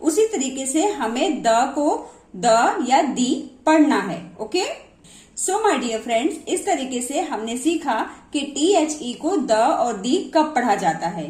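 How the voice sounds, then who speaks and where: Woman, English teacher, high lively voice, slow careful delivery, mixes Hindi and English, echoey room. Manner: asks and answers her own questions. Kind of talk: slow explanatory lesson.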